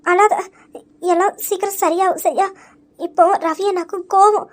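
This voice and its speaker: A woman voicing a young woman in an audio story who comforts a crying friend, gently but firmly pointing out her mistakes. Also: very high-pitched, fairly even intonation, normal speed. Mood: consoling. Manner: gentle but firm, reasoning and reproaching.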